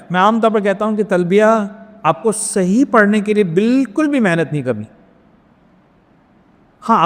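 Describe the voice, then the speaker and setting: A male religious teacher leads a training class in a high, carrying voice. He lays out rules point by point, drops in English words, and keeps asking if it is clear. The sound rings with the long reverb of a large hall. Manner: explains step by step, mixing English words, asks if points are clear. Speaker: Islamic scholar teaching a Hajj class.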